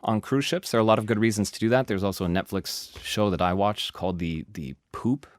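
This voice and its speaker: A man hosting a science podcast, explaining the news in a casual, animated way with lots of asides and emphasis. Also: on the low side, a little fast, dry recording. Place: studio.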